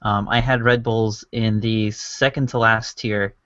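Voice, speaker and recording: A man's voice: fairly low pitch, little pitch movement, measured pace, a bit bright, no echo. A man hosting a podcast, talking easily in casual chat and asking his guest questions. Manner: easygoing, short agreeing replies. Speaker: podcast host. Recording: dry, dull lo-fi sound.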